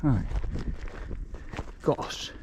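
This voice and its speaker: A man's voice: very slow, a little mellow, a little hiss or hum. A young man filming a hiking vlog outdoors on a handheld camera, chatty and self-mocking, rambling through restarts. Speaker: hiking vlogger. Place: outdoors on a wooded fellside. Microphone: handheld action camera.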